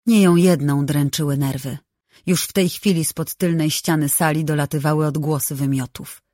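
Audiobook narrator reading a novel, steady measured delivery, super dry close mic. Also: medium pitch, no room sound.

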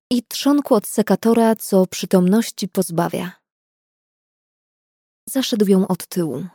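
A woman reading a novel aloud in an expressive, playful manner. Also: medium pitch, dry recording, studio quality. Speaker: audiobook reader. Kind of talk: scripted narration of a novel.

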